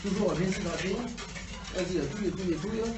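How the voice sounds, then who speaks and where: A man's voice: high-pitched, brisk, music in the background. A man taking part in a homemade cooking video with casual, joking banter. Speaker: participant in an amateur cooking video. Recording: echoey, distant, noisy room.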